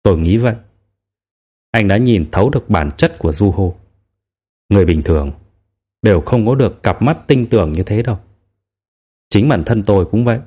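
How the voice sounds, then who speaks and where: A man voicing a middle-aged veteran police detective in an audiobook, speaking in a measured, quietly probing way. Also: lowish voice. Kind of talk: audiobook character reading.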